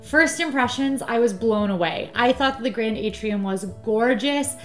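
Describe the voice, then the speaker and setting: A woman's voice: a little high, moderate pace, a bit bright, soft background music. A woman hosting a travel vlog, chatting in a bubbly, enthusiastic way with the odd "um". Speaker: vlog host. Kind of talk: casual travel vlog chat.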